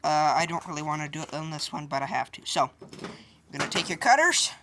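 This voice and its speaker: Over a noisy background, a woman with a deep voice explains a DIY project step by step, fairly quickly and with lively intonation. As the video's host, she keeps it casual, hands-on, and a little hesitant.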